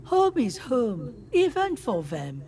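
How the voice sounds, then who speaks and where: A woman's voice: a little high, wildly swooping pitch, slow pace, warm tone, slight background noise, full character voice. An actress playing a very old washerwoman in a video game, weary, plainspoken and folksy in a resigned way. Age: older. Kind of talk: video game dialogue acting.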